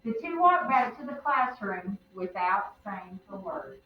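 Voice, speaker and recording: Slow-paced woman reading aloud, distant and roomy. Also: lively intonation. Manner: deliberate, emphatic, teacherly. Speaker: children's read-aloud storyteller. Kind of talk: expressive picture-book read-aloud with questions to the listeners. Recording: roomy, distant, dull low-fi with faint noise.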